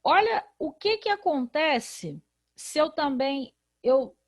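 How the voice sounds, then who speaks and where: Woman, Brazilian Portuguese accent, high voice, literacy teacher, video lesson, rhetorical questions. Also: sing-song, takes it slowly. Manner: explains patiently, asks rhetorical questions, acts out silly misspellings.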